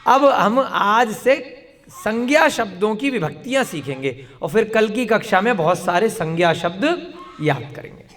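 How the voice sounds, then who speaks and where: High-voiced male teacher in a reverberant classroom. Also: animated, unhurried, fairly bright tone. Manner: drills students with repeated questions and answers. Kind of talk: classroom lesson with questions to students. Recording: long hall reverb.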